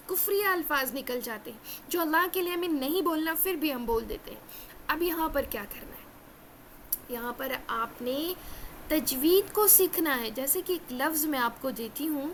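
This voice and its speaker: A woman teaching Quran recitation rules in an earnest lesson, repeating key phrases and slowing down for emphasis. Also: sits high, a bit bright, slight background noise. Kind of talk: religious lesson.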